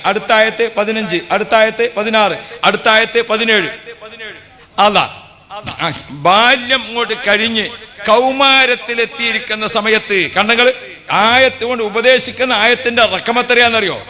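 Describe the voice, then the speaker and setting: A man's voice: sits high, pushed and bright, long reverb tail. A man preaching a sermon, storytelling with rhetorical questions and acted quotes. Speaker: Islamic preacher.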